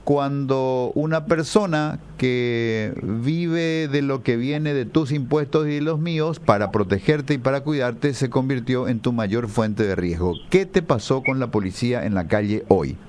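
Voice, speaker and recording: Radio host, measured questions. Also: male voice, mid-range voice, a little mellow. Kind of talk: radio interview.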